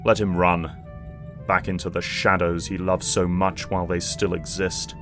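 A male actor plays a starship captain in a sci-fi audio drama. His voice is fairly low, steady and wry, with music playing underneath. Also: moderate pace, natural voice. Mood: wry, commanding.

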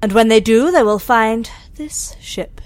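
A woman voicing a cool, politely menacing alien interrogator in a sci-fi audio drama, measured and condescending. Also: a little high, dry recording, lightly acted. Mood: coolly curious.

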